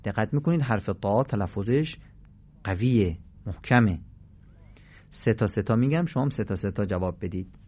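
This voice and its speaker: A man's voice: fairly low pitch, animated, a little mellow, lo-fi sound. A man teaching Quran recitation in a radio lesson, patiently demonstrating letter sounds with emphatic repetition.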